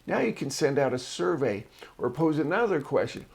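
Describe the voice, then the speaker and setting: A man's voice: on the high side, sing-song, moderate pace, creaky, a little mellow, husky. A man hosting a marketing show, casually reviewing articles and drifting into personal stories. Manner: chatty and digressive, tells personal stories.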